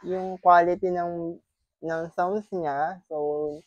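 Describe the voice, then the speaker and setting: A Filipino man chats casually in an unboxing vlog, recorded on a wireless clip-on mic with lo-fi sound and no echo. His voice sits high and steady, he speaks extremely slowly, repeating his thanks and teasing playfully.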